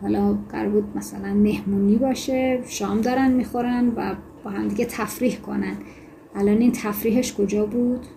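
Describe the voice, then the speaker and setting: A woman teaching a lesson on fiction writing, explaining in a conversational way with self-corrections and reading passages aloud in a measured voice. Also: mid-range voice, fairly even intonation, gravelly, mellow, a little hiss or hum. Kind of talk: lecture on fiction writing with read-aloud excerpts.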